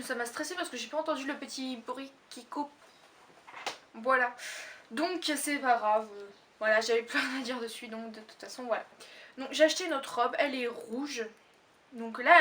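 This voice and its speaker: A woman's voice: high-pitched, a bit bright, recorded from a distance. A teenage girl from Réunion chatting casually through a clothing haul, rambling with many fillers and self-corrections. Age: teens. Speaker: fashion haul vlogger. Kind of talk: casual haul video chat.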